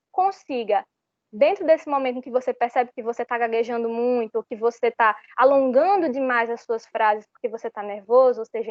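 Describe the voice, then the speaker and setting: High-voiced young woman from brazil teaching public speaking online, dry muffled mic, keeps restarting phrases. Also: dry recording. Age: young adult. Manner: explanatory, with restarts and repeated phrases. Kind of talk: online workshop lecture. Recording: slightly muffled, dull sound.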